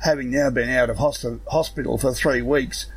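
A man with a rough, gravelly voice, hoarse from illness, reading a scripted announcement as an organisation secretary. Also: medium pitch, fairly even intonation, moderate pace, poor audio. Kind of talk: scripted news announcement read aloud.

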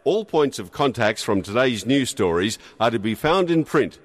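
A man's voice: mid-range voice, big pitch swings, moderate pace. A man reading a scripted station announcement with long reverberant echo on the recording.

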